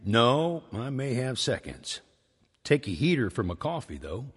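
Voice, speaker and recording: A man voicing a shy, awkward small-town bachelor who talks low and hesitantly. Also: big pitch swings, a little slow, fairly bright tone, breathy edge, exaggerated voice. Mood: sheepish. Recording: reverberant live church hall.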